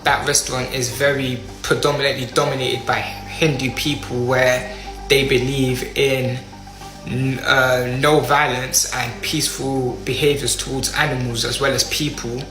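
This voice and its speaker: A young man with a British accent giving an earnest, halting apology statement. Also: mid-range voice. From United Kingdom. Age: young adult. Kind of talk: spoken apology statement to camera. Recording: roomy echo, faint music behind.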